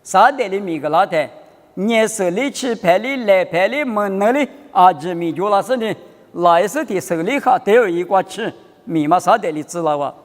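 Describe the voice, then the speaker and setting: A man's voice: sits high, animated, moderate pace. A man talking in a casual, unscripted, conversational way. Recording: long hall-like reverberation.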